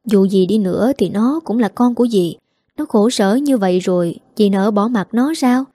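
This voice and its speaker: A woman voicing a young female friend who gently coaxes an old woman to forgive her daughter. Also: mid-range voice, moderate pace, no echo, clean studio sound, close to an everyday voice. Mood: coaxing. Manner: soft coaxing, hushed pleading.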